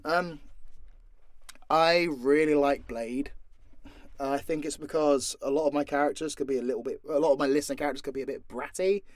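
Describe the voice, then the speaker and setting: His voice sits fairly high in this studio-quality clip, with no room sound at all. The British man, who creates audio dramas and does voice work, casually takes fan questions without a script, swearing, joking and speaking bluntly.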